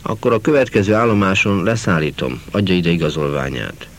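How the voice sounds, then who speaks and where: A man's voice: sits low, lively intonation. A man voicing a stern, officious train conductor demanding tickets. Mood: curt. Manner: curt, officious.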